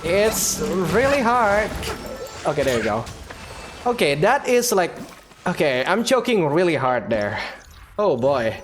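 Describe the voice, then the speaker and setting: A man's voice: a little high, sing-song, measured pace, pauses often. A man giving casual, reactive commentary while playing a game, with game music behind. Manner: chatty, reactive, groans and laughs at the game. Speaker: gaming youtuber.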